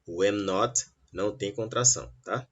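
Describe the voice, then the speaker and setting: A man teaching an English lesson, saying model sentences slowly and clearly between quicker explanations. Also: fairly low pitch. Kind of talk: online English lesson for Portuguese speakers. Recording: dull, lo-fi sound.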